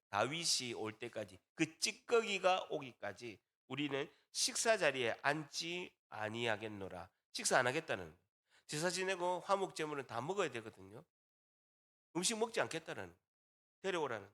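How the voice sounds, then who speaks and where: A man's voice: high-pitched, bright, forceful tone. A man with a Gyeongsang accent preaching a sermon as pastor, repeating key phrases and asking rhetorical questions. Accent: Gyeongsang Korean.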